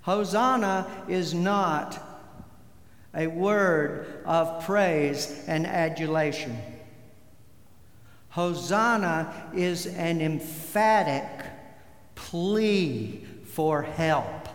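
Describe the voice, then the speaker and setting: A male pastor delivers his sermon at an unhurried pace, pressing emphatic words. His slightly raised voice carries through a roomy sanctuary with a long, lingering reverb. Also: a little high. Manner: slow, deliberate preaching with emphatic stresses. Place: church sanctuary. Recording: echoey hall with long reverb.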